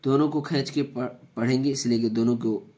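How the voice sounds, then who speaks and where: A man teaching Quran reading, chanting each spelled syllable slowly, then explaining the rules quickly, with an Urdu accent. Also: steady tone, warm tone, faint music behind. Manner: drawn-out chanting of syllables, then brisk low-voiced explaining. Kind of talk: slow spelled-out recitation drills with quick spoken explanations.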